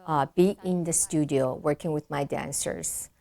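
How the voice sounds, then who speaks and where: A woman's voice: sits low, fairly even intonation, unhurried, gravelly, warm tone. A middle-aged woman from Taiwan, a choreographer and dancer, answering interview questions thoughtfully with many fillers and restarts. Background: music.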